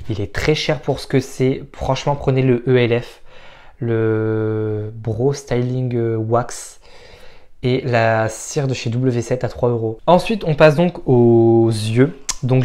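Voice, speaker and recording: A man's voice: medium pitch, darkish tone. A man giving a casual makeup product review, frank and opinionated, with frequent hesitant fillers. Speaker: makeup vlogger.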